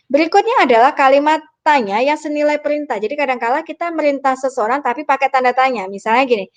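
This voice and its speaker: A woman's voice: high voice, quick pace. A woman lecturer giving a university lecture, explaining patiently and slipping from formal phrasing into casual slang. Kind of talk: online lecture. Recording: dull lo-fi recording.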